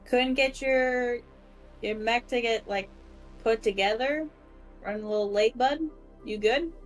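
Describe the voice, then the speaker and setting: Higher-pitched woman in playful game banter. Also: a little slow, faint music behind, rough recording. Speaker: tabletop game player. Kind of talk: casual, playful game chat.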